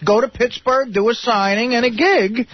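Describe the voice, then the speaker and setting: A man's voice: very high voice, moderate pace. A man on a radio talk show, giving mock-earnest advice. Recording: muffled radio audio.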